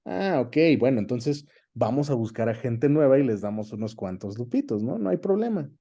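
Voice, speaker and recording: A dubbing director is the interview guest here, a man with a Mexican accent whose medium-pitched voice is warm and expressive at a moderate pace. In this conversational exchange, he keeps things colloquial, illustrating points with examples and tossing in tag questions often.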